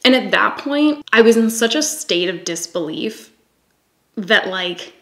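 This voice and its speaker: A woman's voice: medium pitch, unhurried. Woman telling a story, echoey room. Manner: swears freely, laughs often, lively. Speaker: vlogger. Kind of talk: casual storytelling.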